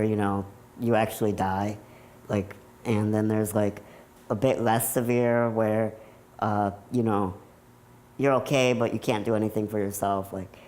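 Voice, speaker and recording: A man's voice: fairly low pitch, darkish tone, a little hiss or hum. A nineteen-year-old man with an American accent, talking candidly and matter-of-factly in a casual documentary interview style. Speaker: computer programmer telling their own story.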